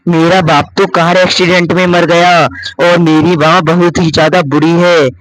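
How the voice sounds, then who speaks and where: A man voicing a ghostly witch girl in a cartoon horror story, talking slowly and with menace. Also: on the high side, flat delivery, a bit bright, no room sound, natural voice, poor audio. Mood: mournful. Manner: slow, menacing, mournful.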